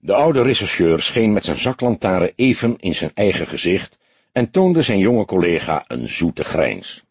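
Husky low-voiced male storyteller. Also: sing-song, a little slow, a little mellow, dry recording. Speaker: audiobook narrator. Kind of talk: scripted narration.

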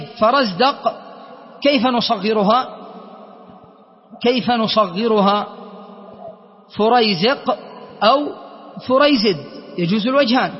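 High-voiced man teaching in an echoing hall. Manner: slow, deliberate, repeats words and asks the class checking questions. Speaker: Arabic grammar teacher. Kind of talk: classroom lesson explaining poetry verses. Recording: dull lo-fi sound with long hall reverb.

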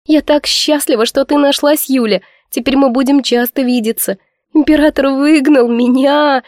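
A heartbroken young noblewoman, her high voice pleading and breaking into sobs, as a woman reading the book puts her on. The sound is dry and close. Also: normal speed, a little mellow, dry recording, natural voice. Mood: tearful. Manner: sobbing, pleading, high-pitched. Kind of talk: audiobook character voice.

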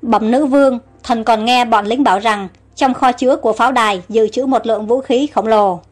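A woman's voice: on the high side, moderate pace, faint music behind, lightly acted. A woman voicing a loyal male scout reporting to his queen in a storybook reading, respectful and dutiful.

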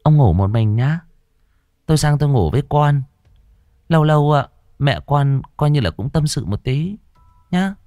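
A man's voice: on the high side, lively intonation, normal speed, long pauses, mellow, no echo, studio quality, soft background music, voice pushed up. A man voicing a frightened middle-aged mother who calls out shrilly and stammers with worry. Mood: fretful. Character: panicked middle-aged mother, loud and fretful.

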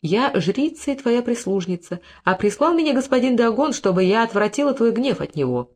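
A reader voicing a young dancer and priestess in an audiobook, speaking in a soft, coaxing way. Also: medium pitch, very animated, brisk, pitched above the performer's own voice.

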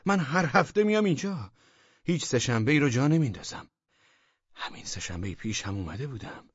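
A man voicing a brash, cheating man who loudly and indignantly defends himself, in a storybook reading. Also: expressive, slightly rough, dry recording, dull audio. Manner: loud, indignant, high-strung.

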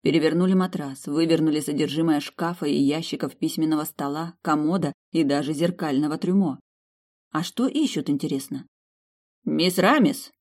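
Low-voiced woman reading an audiobook. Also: fairly quick, mellow. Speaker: audiobook narrator. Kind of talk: scripted first-person narration.

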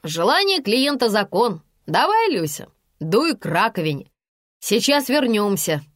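A woman's voice: mid-range voice, very animated, measured pace, dry recording, studio quality. A woman voicing a shaggy she-bear doctor who speaks in a soothing, sighing manner in an audiobook.

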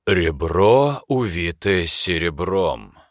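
A sly, imperious demon who drawls every word slowly, purring and silky, as a male narrator puts him on. The voice sits very low, but it rises and falls in long, lively swoops. It sounds close and dry. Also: no echo, exaggerated voice. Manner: slow, drawn-out, sly purring delivery.

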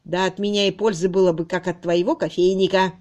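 A woman's voice: on the low side, little pitch movement, fairly quick, a little mellow, muffled recording, lightly acted. A woman reading a cruel, sneering young male farmhand in an audiobook, harsh and mocking.

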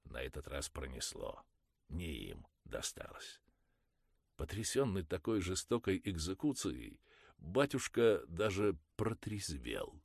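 A man reading a story aloud as narrator, theatrical and expressive. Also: deep voice, slow, vocal fry, husky, no echo, studio quality. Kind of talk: audiobook reading.

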